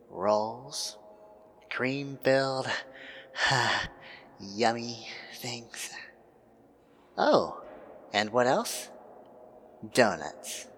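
A man's voice: mid-range voice, fairly bright tone, slight background noise. A man playing a huge teasing fat otter. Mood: coaxing, sly. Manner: teasing, slow and coaxing, with chuckles. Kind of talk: hypnosis roleplay audio.

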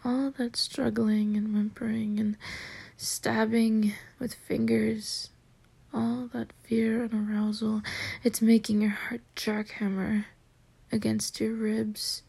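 A woman voicing a seductive, menacing succubus in an ASMR role-play, teasing and dominant, with a breathy, husky soft voice. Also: fairly high pitch, level tone, takes it slowly, dry recording, heavily acted. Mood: commanding, seductive. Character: seductive, menacing female succubus taunting her prey.

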